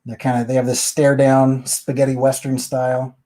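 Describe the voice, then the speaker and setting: Man hosting an indie comic review, easygoing, rambling, mid-pitched. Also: monotone, moderate pace, dark tone. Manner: rambling, chatty, summarizing a comic page by page. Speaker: comic book review host. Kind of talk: casual chat.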